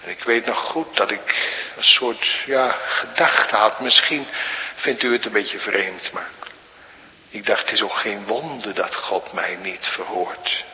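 A man preaching a sermon to a congregation, slow and emphatic, rising now and then to loud, high appeals. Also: dull audio. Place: church. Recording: hall reverb.

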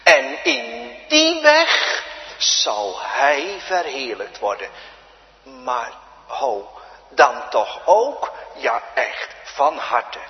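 A pastor preaching a sermon, swinging between loud cries and hushed near-whispers. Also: male voice, medium pitch, very animated, extremely slow, vocal fry. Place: church. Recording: dull lo-fi sound with long church reverb.

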